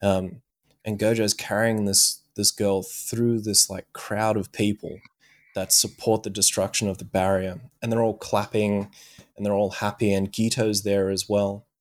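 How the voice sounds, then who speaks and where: Casual swearing podcast co-host, lowish voice. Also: male voice, little pitch movement, measured pace. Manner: swears freely, loose storytelling with many fillers. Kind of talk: casual chat, retelling an anime plot.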